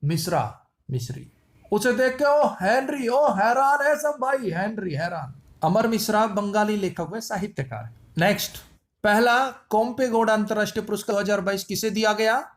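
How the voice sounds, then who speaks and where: With an expressive voice that sits high, a man teaches general-knowledge quiz answers at a normal speed. The memory-trick lesson is full of playful wordplay, and he repeats lines.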